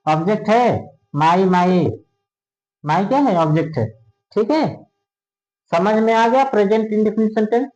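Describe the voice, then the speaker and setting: A man's voice: high voice, a little mellow. A man teaching English grammar in a classroom lesson, often stopping to ask if everyone understands. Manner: checks often if students understand. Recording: dull lo-fi sound.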